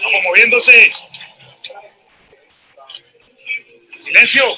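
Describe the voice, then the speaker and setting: A man's voice: very high voice, fairly quick, pushed and bright, a little hiss or hum, full character voice. A man playing a harsh military sergeant in a film, barking commands like a drill sergeant. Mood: barking, aggressive. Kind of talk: film acting.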